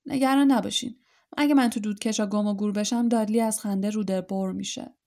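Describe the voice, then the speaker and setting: A woman's voice: mid-range voice, steady tone, warm tone, lightly acted. A woman reading aloud, voicing a nervous young wizard boy who hesitates and stammers.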